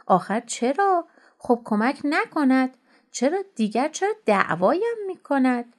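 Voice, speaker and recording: A woman's voice: high voice, expressive, pitched above the performer's own voice. A woman voicing a poor male traveler who sounds timid, frightened and bewildered.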